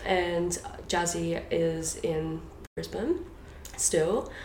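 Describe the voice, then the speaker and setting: A woman's voice: on the low side, level tone, drawn-out words, darkish tone. A young woman co-hosting a podcast, talking loosely with lots of ums and laughing often. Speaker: podcast co-host. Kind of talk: casual chat. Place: home room, not a studio. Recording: echoey room, faint noise.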